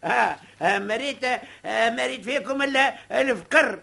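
Old radio show comedy, fussy Hajj, Tunisian accent, very high voice, scolding, theatrical, argumentative. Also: male voice, moderate pace, gravelly, bright, forceful tone, exaggerated voice. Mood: taunting. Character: Hajj, a fussy, scolding man given to taunts.

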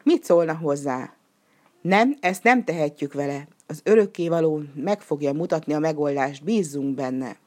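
A woman's voice: sits low, darkish tone, close to an everyday voice. A woman voicing a poor, pious old man who speaks meekly and with resignation in a storybook reading. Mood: pleading. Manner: meek, resigned.

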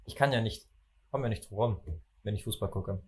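A young man from Germany hosting a casual football chat, opinionated and animated when he makes a point. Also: lowish voice, brisk, noisy background. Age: young adult. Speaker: podcast host.

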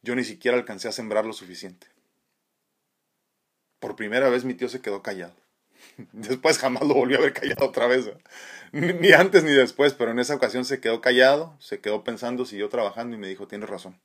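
A man's voice: medium pitch, brisk, fairly bright tone. A man hosting a live stream, reading viewer comments and talking reflectively about faith, with frequent tag questions and restarts. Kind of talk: casual spiritual live chat. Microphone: phone.

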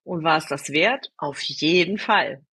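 A woman guest in a podcast interview, telling personal stories in a lively way, answering her own rhetorical questions and speaking straight to the listener. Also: low-pitched, unhurried, slightly rough. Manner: addresses the listener directly. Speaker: storytelling guest.

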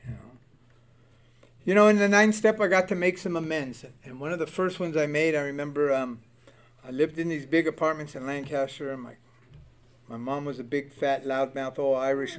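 An older man tells his recovery story in a blunt, profane way, swearing freely and laughing at his own past. His voice sits a little high for a man. He talks like a plain-spoken man sharing hard-won lessons. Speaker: recovery speaker. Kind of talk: candid personal testimony.

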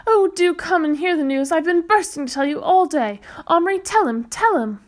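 A woman reading aloud, voicing an excitable, flustered mother in a children's storybook with a breathless, gushing manner. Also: sits high, normal speed, pitched above the performer's own voice.

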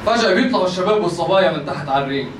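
A man's voice: high-pitched, animated, racing. A man with a Lebanese Arabic accent playing a baffled, irreverent street guy in comic storytelling, on a noisy, distant recording. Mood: amused, baffled. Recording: noisy, echoey, distant microphone.

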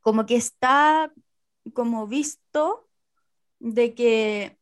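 High-pitched young Chilean woman chatting. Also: very slow. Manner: colloquial, with English words mixed in. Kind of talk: casual chat.

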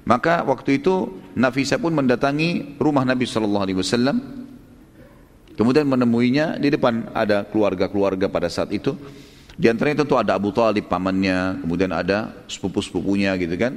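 A male preacher telling a story in a sermon, lively, with frequent tag questions. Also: on the low side, a little fast, long reverb tail.

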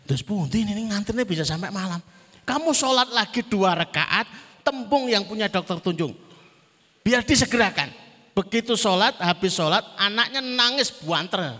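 A man with a Javanese accent giving a humorous sermon, telling stories and acting out quotes. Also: sits high. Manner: lively storytelling with acted quotes, mixing in Javanese. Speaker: preacher. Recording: long hall reverb.

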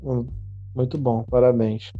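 A man's voice: mid-range voice, little pitch movement, a little slow, soft background music. A Brazilian man co-hosting a casual football podcast, joking and slangy, heard over a muffled call line. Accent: Brazilian Portuguese. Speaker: podcast co-host. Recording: dull lo-fi call audio.

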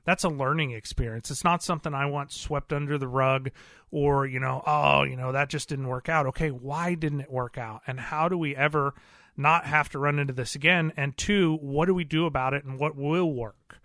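Guy who runs a car repair shop, bright clear voice, kinda high, rambles earnestly, dry room. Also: normal speed, no room sound. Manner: earnest, plain-spoken, rambling with fillers. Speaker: auto repair shop owner. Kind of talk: casual interview talk.

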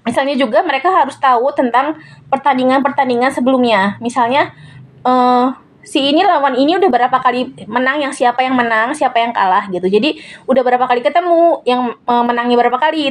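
A woman's voice: high-pitched, brisk. A young woman hosting a casual solo podcast, chatting in a rambling way with many fillers and self-corrections. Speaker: podcast host.

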